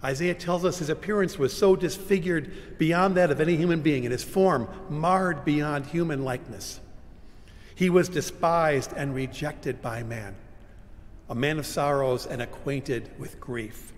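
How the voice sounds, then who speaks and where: An older man preaching a sermon from a pulpit, dramatic, moving from loud cries to hushed whispers. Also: on the high side, unhurried. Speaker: pastor. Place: large church sanctuary, standing at a pulpit. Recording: long church reverb, faint room hum.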